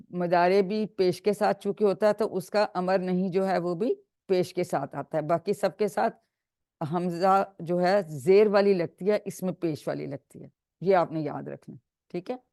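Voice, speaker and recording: Warm-voiced woman teaching on a video call. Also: on the low side, measured pace, no echo, studio quality. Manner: patient, coaxing, repeats and corrects. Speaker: Arabic grammar teacher. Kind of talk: online class drilling students.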